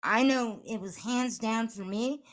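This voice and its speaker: A woman's voice: a little high, measured pace. A woman co-hosting a casual podcast, talking through plans in an organized way with plenty of "you know" fillers. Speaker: podcast co-host.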